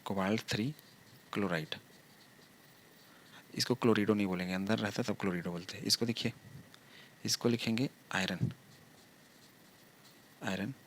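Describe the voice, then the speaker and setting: A man's voice: on the low side, moderate pace, pauses often, a bit bright, a little hiss or hum. A male chemistry teacher giving a lecture, talking through each step and asking the class rhetorical questions.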